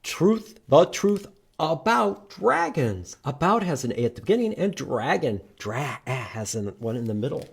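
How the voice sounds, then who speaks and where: Husky and gravelly, a fairly high male voice leads a library storytime at normal speed, pausing little. He reads and teaches letters to young children in short, simple phrases, his pitch swinging big and sing-song.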